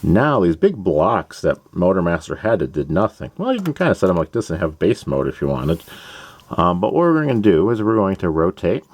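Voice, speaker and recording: A man with a very low voice hosts a casual build tutorial, walking through each step one by one. His pitch moves up and down a lot as he talks, and he drops in playful asides. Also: sing-song, fairly quick, a little mellow, no room sound. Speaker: host of a toy-building channel.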